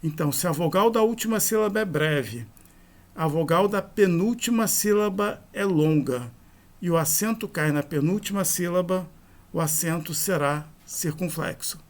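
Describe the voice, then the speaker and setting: A man's voice: high voice, moderate pace. A man teaching a grammar lesson, explaining forms one by one in a methodical, explanatory way. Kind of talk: slow grammar lecture.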